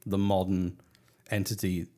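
British guy on a podcast, lowish voice, jokey and laughing a lot. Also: flat delivery, a little slow, warm tone. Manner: jokey, laughs often, many restarts. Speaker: podcast host. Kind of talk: casual podcast chat.

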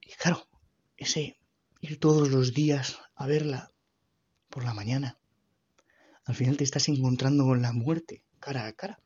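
A man giving an earnest, halting personal faith testimony about caring for his dying mother. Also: medium pitch, fairly even intonation, a little mellow, slightly rough, dull audio. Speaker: grieving son giving testimony.

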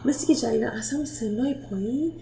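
A woman hosting a casual interview, talking in a lively way and dropping English words into her speech. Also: fairly high pitch, vocal fry. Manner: animated, mixes English words into Persian. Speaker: podcast host. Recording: roomy echo, faint noise.

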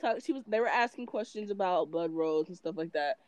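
A woman's voice: fairly low pitch, fairly quick, darkish tone, dry recording. A young woman co-hosting a podcast, chatting casually in a playful, dramatic way. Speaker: podcast co-host. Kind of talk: casual chat.

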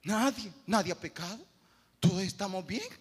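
A man's voice: high-pitched, expressive, normal speed, husky, big-room sound. A male pastor, preaching emphatically and repeating key phrases. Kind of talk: sermon.

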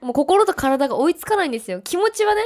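A woman's voice: high-pitched, big pitch swings, very fast, a little mellow. A woman from Hokkaido co-hosting a casual podcast chat, telling stories with playful sound effects and frequent laughter. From Hokkaido, Japan. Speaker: podcast co-host.

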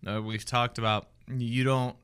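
A man co-hosting a podcast, talking in a halting way with many restarts. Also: medium pitch, little pitch movement, a bit bright, clear, resonant tone. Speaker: podcast co-host. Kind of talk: casual chat.

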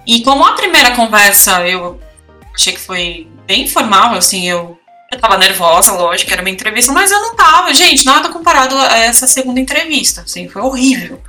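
A woman's voice: on the high side, very animated, a little fast, bright, forceful tone, distant mic, soft background music. A woman, co-hosting a podcast, telling personal stories in casual chat with lots of feeling. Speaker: podcast co-host.

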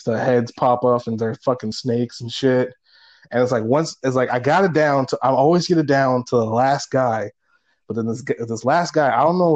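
A man's voice: mid-range voice, darkish tone, dull audio. Rambling laid-back man on a call. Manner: rambling, profane, laughs often. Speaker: podcast co-host. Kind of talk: casual gaming chat. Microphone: remote call. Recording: call audio, at times garbled.

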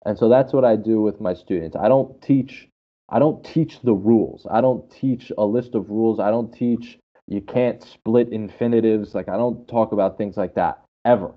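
Repeating phrases for emphasis and sprinkling in anecdotes, a man explains things as an enthusiastic, laid-back English teacher. His voice is lowish, his speed normal, and the sound quality is dull and muffled lo-fi.

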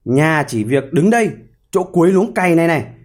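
A man voicing a clever male hedgehog in a storybook tale, speaking briskly and matter-of-factly. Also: on the high side, big pitch swings, a little mellow. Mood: scheming. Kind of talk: storybook character voice.

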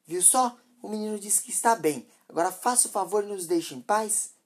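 A woman's voice: medium pitch, normal speed, breathy edge, voice pushed up, natural voice. A woman voicing a harsh, impatient mother who scolds sharply and dismissively. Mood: scornful.

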